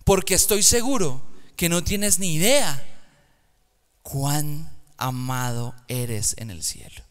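A man preaching a lively sermon to young people in a church, swinging from hushed, slow words to loud, emphatic calls. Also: a little high, clean tone. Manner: dynamic, swings from hushed to shouting. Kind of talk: sermon to youth.

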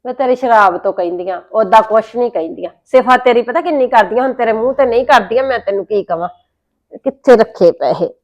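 A Punjabi woman scolds in a slightly high voice, exasperated and complaining. She sounds worn out by her brother. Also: fast. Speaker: elder sister in a family drama. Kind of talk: Punjabi web-series acting.

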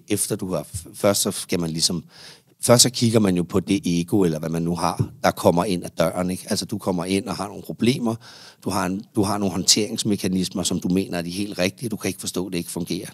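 A man's voice: low voice, dry recording, clean studio sound. A male psychotherapist in a casual podcast conversation, talking animatedly and restarting his sentences as he explains. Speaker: psychotherapist guest.

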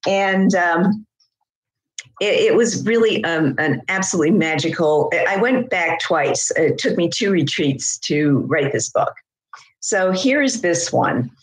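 American lady reading her poems at a festival, kinda low voice, echoey room. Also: lively intonation. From United States. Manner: measured reading, with ums in the asides. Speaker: poet. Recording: roomy echo.

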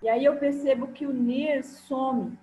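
A woman's voice: high-pitched, fairly even intonation, unhurried, mellow, slight background noise, rough recording. A woman student, asking curious questions in an online class and thinking aloud as she goes.

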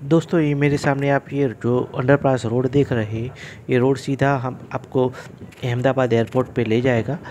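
A man's voice: medium pitch, fairly even intonation, normal speed, darkish tone. A man, narrating a casual railway travel vlog from a moving train and addressing viewers as friends. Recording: faint vehicle noise.

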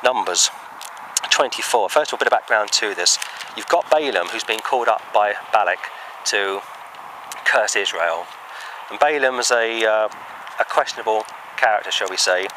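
A man's voice: on the low side, normal speed, noisy background. A man preaching a sermon outdoors, earnest and emphatic, reading from the Bible between points.

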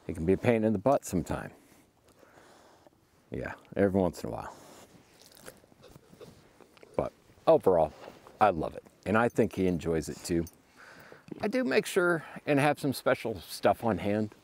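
Casting: thirties man, deep gravelly voice, easygoing outdoorsy vlogger, lively delivery. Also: normal speed, long pauses, a little hiss or hum. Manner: laid-back, chatty, talks to his dog. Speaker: overlanding vlogger. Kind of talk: casual how-to vlog. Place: outdoors at a wooded campsite.

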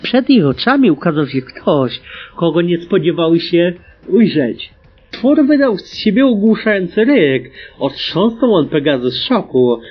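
A man narrates a storybook audiobook with a lively, dramatic delivery. His voice is husky and sits on the high side, swinging widely in pitch. The recording sounds dull and lo-fi. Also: measured pace, soft background music. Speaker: audiobook reader.

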